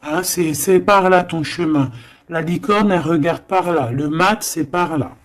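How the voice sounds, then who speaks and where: A woman's voice: lowish voice, a little slow. A woman giving a tarot card reading, chatty and emphatic, with frequent hesitations and asides. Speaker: tarot reader.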